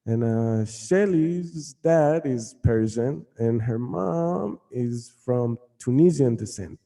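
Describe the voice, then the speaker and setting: A man from Mexico, a guitarist, answering interview questions casually in a halting way with many fillers. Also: medium pitch, animated, gravelly, warm tone. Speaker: guitarist and band member. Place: room in Jerusalem.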